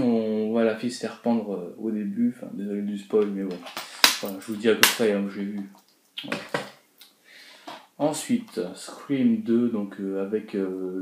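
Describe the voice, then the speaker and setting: A young man talking casually in a haul video, rambling with lots of filler words and short chuckling asides. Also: medium pitch. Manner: rambling, full of "voilà" and "donc euh" fillers, chuckling asides. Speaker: horror film collector vlogger. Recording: echoey room with faint noise.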